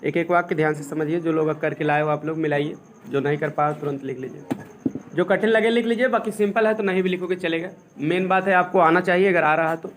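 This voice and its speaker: A male English teacher explaining grammar step by step, asking the class questions and dictating English sentences slowly. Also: high voice, a little hiss or hum. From India. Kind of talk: classroom lesson.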